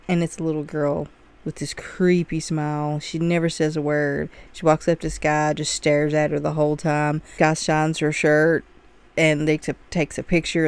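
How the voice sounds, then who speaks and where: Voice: mid-range voice, vocal fry, darkish tone, smooth. A movie reviewer giving a casual, chatty spoiler recap of a film, full of "like" and "you know".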